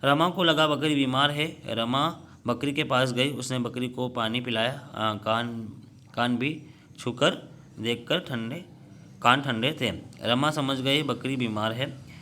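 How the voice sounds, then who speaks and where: A young man teaching children, reading a workbook story aloud with many halting restarts and fillers, then going through the answers. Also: medium pitch, fairly even intonation, pushed and bright, slight background noise.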